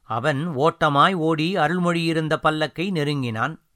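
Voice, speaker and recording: A man reads a historical novel aloud in a measured, storytelling manner. His voice is fairly high for a man and smooth, and the recording is close and dry with no room sound. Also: pushed and bright, dry recording. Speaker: audiobook narrator. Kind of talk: scripted narration.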